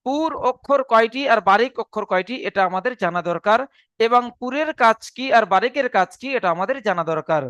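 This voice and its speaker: A man's voice: sits high, animated, fairly quick, fairly bright tone, clear, resonant tone, no echo, lo-fi sound. A man teaching an online Quran reading class, patient, repeating each letter and point twice.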